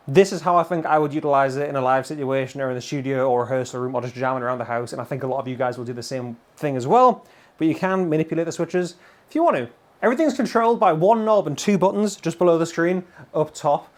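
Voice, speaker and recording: Electric guitar plays behind this British man in his thirties as he reviews guitar gear in a small home studio crammed with guitars and amps. He talks fast in a slightly high voice, keeping the demo chatty, enthusiastic and informal.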